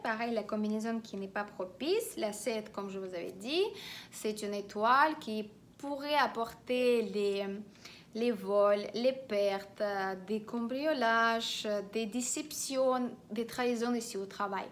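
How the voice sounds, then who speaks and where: Lady explaining feng shui, slightly high voice, lots of euh and restarts. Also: slow pace, a little hiss or hum. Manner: hesitant, many filler sounds and restarts; instructive, repeats directives. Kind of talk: explanatory online teaching.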